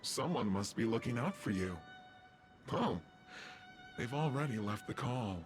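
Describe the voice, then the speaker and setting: An actor playing a smug young man in a game who teases a colleague while speaking through a voice changer that makes him sound deep and pitch-shifted. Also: lively intonation, unhurried, faint music behind. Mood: teasing. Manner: teasing, playful. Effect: voice changer making the voice deep and pitch-shifted.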